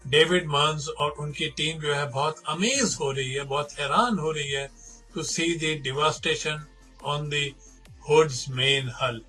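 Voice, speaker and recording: A man with an Indian accent retells documentary material as a presenter, mixing scripted reading with conversational explanation and shifting between measured reading and rapid explaining. His voice is high, bright, forceful and husky. The recording is low quality, with background music.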